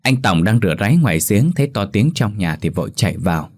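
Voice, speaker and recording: A man narrating a ghost story in a steady, expressive storytelling manner. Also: lowish voice, fast talker.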